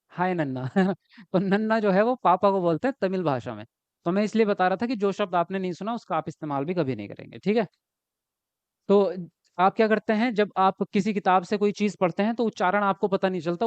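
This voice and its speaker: His voice sits high, clear and resonant, as he leads a live online exam-prep session. He chats freely, often asks "right?", and answers comments from the chat. It's a dull, lo-fi recording with a dry, roomless sound.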